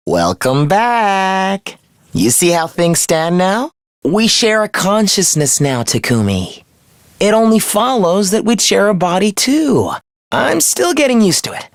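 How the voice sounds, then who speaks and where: A young man with a high-pitched, sing-song voice and vocal fry speaks at a measured pace in a clean, echo-free studio recording, acting heavily. He voices a smug, taunting video game villain who lives in someone's head, delivering condescending, theatrical mockery.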